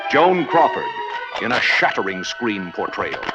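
A man's voice: on the low side, very animated, a little slow. A man narrating a 1960s film trailer in an ominous, theatrical announcer style. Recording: dull old film trailer, loud music.

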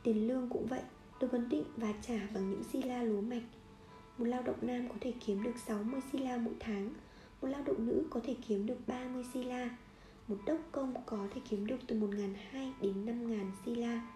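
Woman narrator, measured reading, warm tone, faint music behind, echoey room. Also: a little high, fairly even intonation. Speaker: audiobook reader. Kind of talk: nonfiction book reading.

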